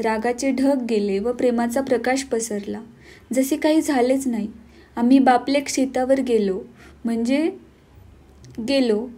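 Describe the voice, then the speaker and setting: A woman reading a classic novel aloud as an audiobook narrator, in a measured, earnest storytelling manner. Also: fairly high pitch, warm tone.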